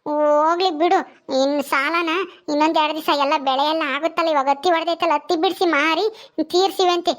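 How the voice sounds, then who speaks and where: A woman with a very high, fairly even voice plays a tearful young village wife who pleads and pities herself. She sounds pleading and weepy, drawing out many long "hmm"s.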